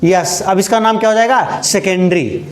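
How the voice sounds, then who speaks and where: High-voiced man teaching chemistry, echoey room. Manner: asks questions and answers them himself, repeats key terms; slows down while writing on the board. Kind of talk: classroom lecture.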